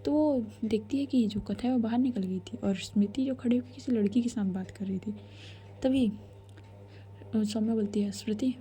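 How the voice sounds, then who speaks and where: Casual woman storyteller, soft and near-whispered, with a high, bright voice. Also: normal speed, a little hiss or hum.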